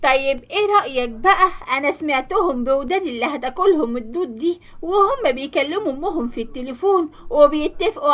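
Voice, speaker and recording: A woman's voice: sits high, a bit bright. A woman voicing a demanding, scheming young wife, pouting and wheedling in an Egyptian accent.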